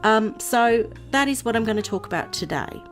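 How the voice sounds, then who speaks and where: A woman vlogger chatting casually to her viewers, her voice nasal and hoarse from a cold, rambling and laughing often. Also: on the high side, lively intonation, moderate pace, soft background music. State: voice going hoarse. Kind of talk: casual chat to camera.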